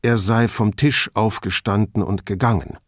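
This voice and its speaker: A man's voice: on the low side, fairly even intonation, moderate pace, no room sound, studio quality, close to an everyday voice. A man voicing a middle-aged male police commissioner who asks careful, concerned questions.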